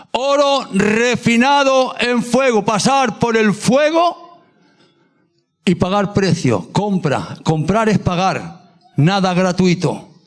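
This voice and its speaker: A man preaching a sermon in a church, fervent and improvised, drawing out the scripture lines he quotes and often restarting his sentences. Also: high voice. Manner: repeats words and restarts sentences as he speaks freely. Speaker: pastor.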